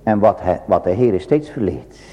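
A man's voice: on the low side, expressive, normal speed, mellow, big-room sound. A man preaching a sermon, pressing his point with repeated rhetorical questions.

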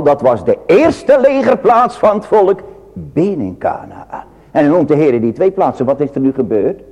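Animated preacher with echoing church reverb. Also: male voice, on the high side. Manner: emphatic, repeating rhetorical questions. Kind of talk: sermon.

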